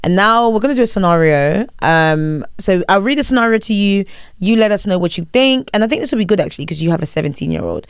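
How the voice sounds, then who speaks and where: A woman hosting a casual podcast chat, reading things out in a flat, formal way. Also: mid-range voice, fast talker, smooth, dry recording, studio quality. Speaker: podcast host. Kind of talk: casual chat, reading lyrics and a letter aloud.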